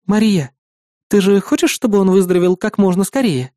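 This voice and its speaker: A man's voice: high voice, lively intonation, brisk, dark tone, dry recording, clean studio sound. A man voicing a sly, teasing young woman partner in an audiobook. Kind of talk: audiobook character voice.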